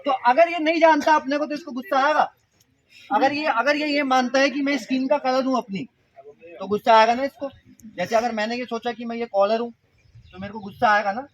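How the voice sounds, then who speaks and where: High-voiced man quizzing school students. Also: a little fast, highs cut off. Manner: playful, quizzes the audience with questions. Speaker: mind-power workshop trainer. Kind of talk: interactive talk to school students. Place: school gathering with a student audience.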